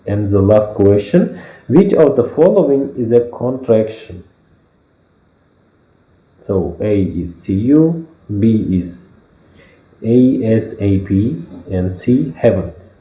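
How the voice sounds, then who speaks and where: Man, English teacher, Uzbek accent, very slow, dark tone, hesitant with fillers, echoey room, dull lo-fi recording. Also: lowish voice, sing-song. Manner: hesitant, many fillers and restarts. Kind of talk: slow explanatory lesson.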